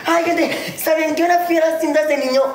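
A woman's voice: high voice, fairly even intonation, a little fast, a crowd in the background. A young woman with a Mexican accent gossiping in a rambling, slangy way as a vlogger. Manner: rambling, slangy, quoting others in put-on voices. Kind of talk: casual gossip chat. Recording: echoey room with faint noise.

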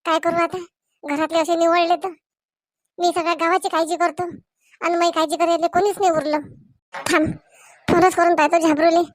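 Self-pitying village auntie, played by a woman, high and dry. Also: no room sound. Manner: lamenting monologue, talks to herself. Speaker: comedy sketch performer. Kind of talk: village comedy sketch.

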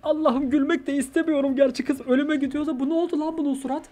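A man giving comic, mocking reaction commentary over a reality show, with loud exasperated outbursts. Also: very high voice, fairly even intonation, quick pace. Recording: show music playing underneath.

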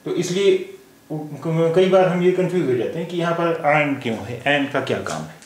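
A man's voice: fairly high pitch, animated, moderate pace, reverberant. A man with a Lucknow Hindi-Urdu accent teaching a language lesson, patiently repeating sounds to demonstrate them. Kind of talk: slow spoken lesson.

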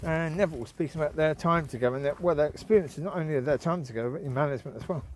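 A man's voice: a little high, very fast, slight background noise. A man chatting casually as he walks his dogs outdoors along a countryside path, rambling and often restarting or trailing off. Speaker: vlogger and dog owner. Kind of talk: walk-and-talk vlog.

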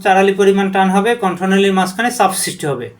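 A man's voice: high-pitched, quick pace. A man teaching Quran letter reading, chanting each letter name long and drawn out and then explaining how to pronounce it. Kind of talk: letter-by-letter recitation lesson.

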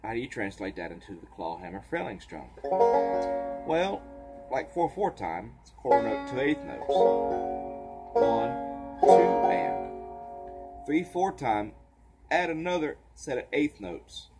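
A tired man teaching banjo in an unhurried drawl, counting the beats slowly. His pitch rises and falls a lot as he talks. Loud banjo playing rings out behind him. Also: loud music behind the voice, poor audio. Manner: relaxed, counting beats aloud. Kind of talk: casual music lesson. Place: porch.

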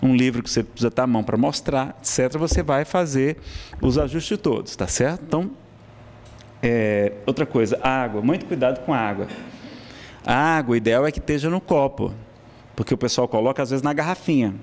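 A man's voice: mid-range voice, brisk, darkish tone. A man with a Brazilian Portuguese accent teaching a public speaking class in a lecture hall, in a conversational style full of tag questions and self-corrections.

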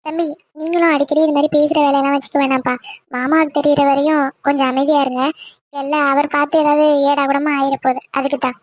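A woman's voice: high voice, little pitch movement, fast talker, dry recording, natural voice. A woman voicing a worried middle-aged village mother who is afraid of her husband and speaks in a pleading, apologetic way in a cartoon. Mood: hurried. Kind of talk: Tamil cartoon voice acting.

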